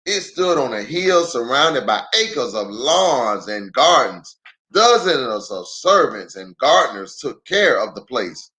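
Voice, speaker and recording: A middle-aged pastor with a medium-pitched voice reads a children's storybook at a slow pace, captured in a low-quality recording. His manner is expressive and playful, full of chatty asides directed at the kids.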